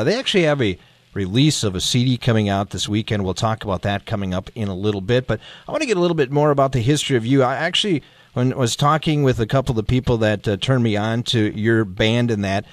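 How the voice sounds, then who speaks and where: An American man hosts an interview in a casual, conversational way. His voice sits at a middling pitch and is recorded very dry and close. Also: no echo. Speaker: radio interview host.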